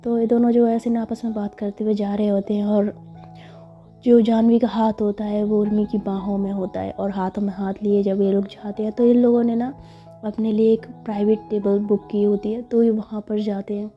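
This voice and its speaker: A woman's voice: medium pitch, little pitch movement, a little fast. A woman narrating a story casually and chattily, with frequent fillers. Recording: slightly dull with faint music.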